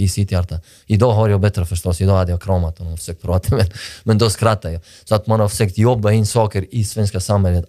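A man's voice: low voice, dark tone, dry recording, clean studio sound. A man talking about his past in a podcast interview, earnest and reflective, often restarting his sentences. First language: not Swedish. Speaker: podcast guest, sports director. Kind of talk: personal interview talk.

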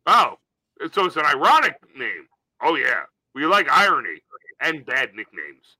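High, bright-voiced joking man. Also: big pitch swings, unhurried, slightly rough, no room sound. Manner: riffing, acting out silly bits in put-on voices. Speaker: podcast co-host. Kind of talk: casual comedic banter.

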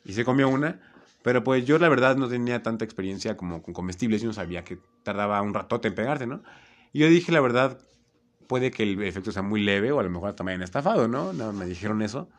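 A man's voice: on the low side, quick pace. A young man with a Mexican accent telling funny stories in casual chat, laughing and acting out the voices. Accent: Mexican Spanish. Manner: animated, laughing, acts out voices in his stories.

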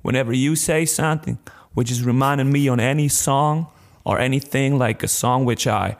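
A man's voice: medium pitch, moderate pace. A German man co-hosting a casual podcast chat, talking in put-on American gangster slang with a swagger and breaking into bits of song. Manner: bursts into snatches of song. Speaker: podcast co-host.

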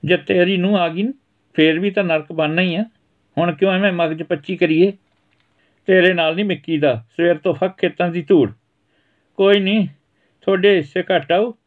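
A man's voice: high-pitched, steady tone, normal speed, recorded from a distance, phone-quality sound, pitched above the performer's own voice, natural voice. A man voicing a village mother who nags and scolds sarcastically in a storybook reading. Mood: scolding. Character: sharp-tongued village mother.

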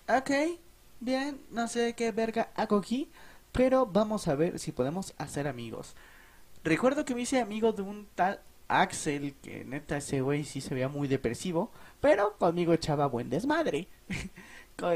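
A young man with a Mexican Spanish accent telling a casual, profanity-laced story about his school days for a podcast, animated and laughing. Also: fairly high pitch.

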